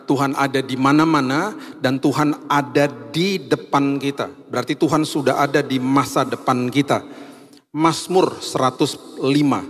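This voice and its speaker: Male pastor, hoarse, emphatic sermon delivery, mid-pitched voice, long hall echo. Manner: emphatic preaching with slowed stressed phrases. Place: church hall.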